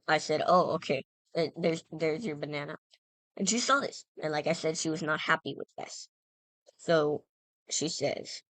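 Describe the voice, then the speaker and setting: A woman's voice: deep voice, a bit bright, dry recording. A woman casually telling a funny anecdote, rambling and self-interrupting with lots of fillers and playful self-mockery. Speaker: storyteller.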